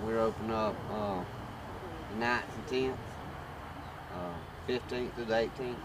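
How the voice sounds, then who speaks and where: A man answering casually and haltingly in an interview as an attraction operator. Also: medium pitch. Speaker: haunted trail operator being interviewed. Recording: noisy outdoor recording with steady background noise.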